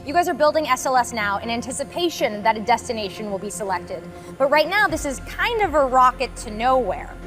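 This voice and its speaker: A woman reporter with a high voice puts curious, lively questions to her guests during an on-location interview. Music can be heard clearly behind her. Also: brisk.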